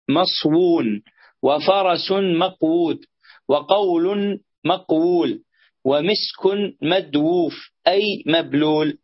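A man, a student, reading a passage aloud carefully, word by word. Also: fairly high pitch. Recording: dull lo-fi recording.

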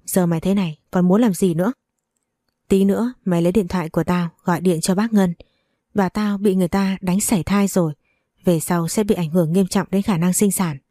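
A woman doing a scheming young woman, vengeful, low, mellow, dry close sound, storybook reading. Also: fairly even intonation, a little fast, no echo, close to an everyday voice. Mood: bitter, scheming.

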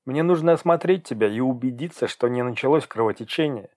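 A calm middle-aged woman doctor, soothing and reassuring, her voice lifted well above the reader's usual pitch. A man puts her on in an audiobook reading. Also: a little fast, no room sound, clean studio sound, lightly acted.

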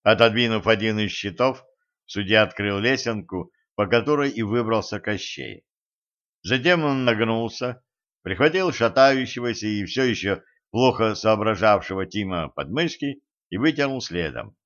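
An audiobook reader with a fairly low male voice, narrating in a steady, even way. The recording sounds dull and lo-fi, with the top end cut away. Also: normal speed. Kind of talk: scripted narration.

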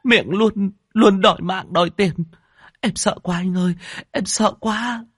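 A man's voice: very high voice, lively intonation, brisk, husky, dry recording, studio quality, pitched above the performer's own voice, full character voice. A man voicing a terrified young woman in a hospital, screaming and pleading in fear. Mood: frightened pleading. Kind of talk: audiobook narration.

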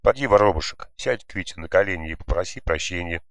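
A man voicing an angry, defiant teenage boy in a children's home, shouting and scornful, raised above his own low voice. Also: lively intonation, fast, clean tone, no room sound. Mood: mocking.

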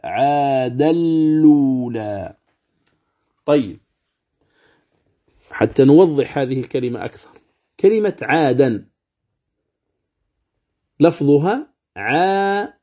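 A man gives a religious lesson on Quran recitation, explaining each rule step by step. His voice sits a little high but has a warm, mellow tone. He poses rhetorical questions and stretches out the recited examples slowly, and the recording sounds dull and lo-fi.

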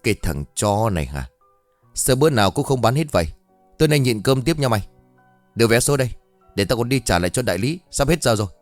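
A man voicing a cruel, violent foster father who shouts threats quickly. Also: deep voice, expressive, no echo, soft background music. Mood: furious.

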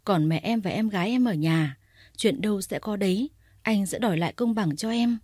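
A woman voicing an urgent, protective young man who speaks fast and firmly in a storybook reading. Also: medium pitch, slightly rough, no room sound, clean studio sound, close to an everyday voice. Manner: urgent, forceful.

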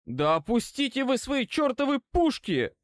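A man reading an audiobook, voicing a hot-tempered young male wizard who shouts hoarsely in anger. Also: a little high, animated, moderate pace, dry recording, studio quality, voice pushed up, lightly acted. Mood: angry. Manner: raised, hoarse, angry shouting.

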